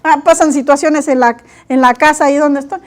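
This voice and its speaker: High-pitched lady preaching, lively, plays out her own thoughts, eyes watery from allergies. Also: fairly quick. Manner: animated, acts out her own inner dialogue. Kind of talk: sermon.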